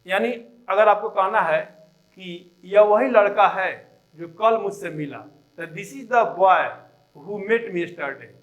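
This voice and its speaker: A male teacher explaining English grammar, repeating each example sentence slowly and deliberately. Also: high voice, highs cut off.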